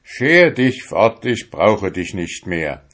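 A man voicing an impatient young fisherman who shouts his replies dismissively. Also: low voice, slow. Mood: angry.

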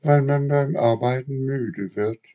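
A man's voice: medium pitch, takes it slowly, warm tone, lo-fi sound, pitched above the performer's own voice, natural voice. A man voicing a remorseful, eager wooden puppet boy in a read-aloud storybook, raising his voice when he pleads. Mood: pleading.

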